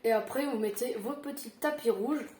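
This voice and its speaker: A tired woman giving a casual Minecraft building tutorial, halting with fillers and self-corrections. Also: a little high, mellow, echoey room, a little hiss or hum.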